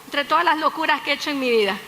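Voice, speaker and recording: Bright high-voiced woman pastor. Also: racing. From Nicaragua. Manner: lively storytelling with humor and asides to the congregation. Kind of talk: sermon. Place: church hall. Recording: echoey hall with faint noise.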